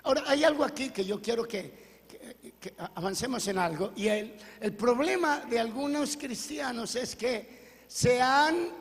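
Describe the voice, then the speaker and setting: A man's voice: extremely high pitch, a bit bright, big-room sound. A man preaching a sermon as pastor, reading scripture aloud and questioning his congregation. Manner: preaching with call-and-response questions and Bible reading. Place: church hall.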